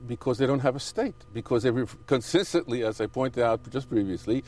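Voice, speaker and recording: An Israeli settler appearing as an interview guest argues back insistently, with some hesitant self-corrections. His voice is medium-pitched, brisk, and a little mellow.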